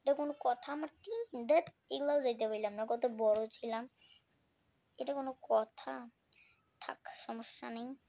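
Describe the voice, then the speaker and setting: A woman giving casual, chatty commentary while playing mobile games, often dropping into a hushed whisper. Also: sits high, normal speed. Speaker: gaming vlogger.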